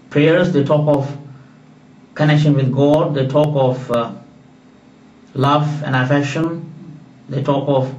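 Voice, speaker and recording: A man's voice: on the high side, darkish tone. A man from Pakistan, an author giving an earnest, emphatic, repetitive talk about his book. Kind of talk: earnest solo talk to camera. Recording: roomy, distant, dull recording.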